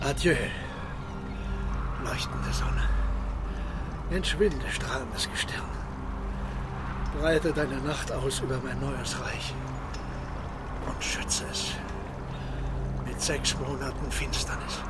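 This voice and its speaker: An actor playing a proud, commanding submarine captain in a radio play, with a grandiose, measured, declamatory delivery. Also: male voice, medium pitch, fairly even intonation, very noisy, lightly acted. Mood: solemn, brooding. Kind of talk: dramatic radio play acting. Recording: loud ambient sound effects behind the voice.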